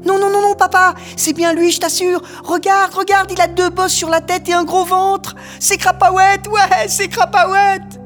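Woman doing a little schoolboy, super high voice, eager and pleading. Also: fairly even intonation, moderate pace, faint music behind, natural voice. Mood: excited. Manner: bright, insistent and pleading. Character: eager little schoolboy, excited and attached to his drawing. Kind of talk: storybook character acting.

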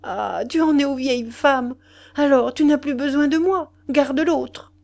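A fiery, jealous young mistress, shrill and mocking, her voice climbing high as she rages at her lover, as a woman reads her. Every word is biting scorn. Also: animated, moderate pace, a little mellow.

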